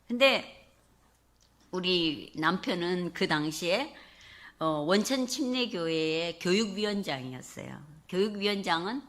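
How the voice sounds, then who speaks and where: A middle-aged woman preaching a personal testimony from the pulpit. Her voice rises and falls with lots of movement, and its tone stays clear and bright. She tells her story with animation. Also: fairly low pitch, a little slow. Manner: animated storytelling, acting out her own past words. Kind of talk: testimony sermon. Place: church sanctuary.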